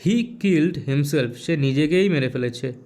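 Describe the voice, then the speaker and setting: Man, West Bengal Bengali accent, young adult teacher, slightly high voice, paced and repetitive, rhetorical questions. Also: darkish tone. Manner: asks rhetorical questions and repeats terms slowly. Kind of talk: recorded grammar lesson.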